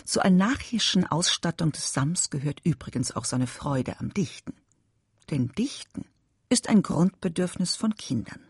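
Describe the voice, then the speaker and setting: A narrator reading a scripted radio feature in a measured, even way. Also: medium pitch, slightly rough, no echo, clean studio sound.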